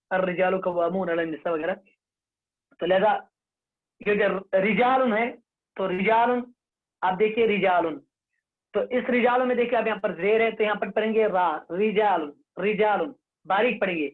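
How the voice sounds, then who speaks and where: A man teaching an online Quran recitation class, slowly repeating rules and reciting examples for students to say after him. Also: high-pitched. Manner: slow, repetitive, drills rules and has students repeat. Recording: tinny phone-like online class audio.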